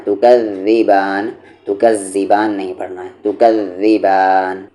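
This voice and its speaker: A man teaching Quran recitation, explaining pronunciation and reciting example words slowly. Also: on the low side, warm tone. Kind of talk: tajweed lesson with recited examples.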